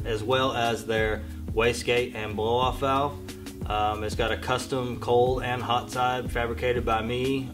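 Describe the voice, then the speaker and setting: Flat-voiced man listing car parts. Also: medium pitch. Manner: steady, matter-of-fact, with frequent "uh" and "um". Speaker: car owner. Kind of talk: reciting a car build list. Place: garage shop, indoors.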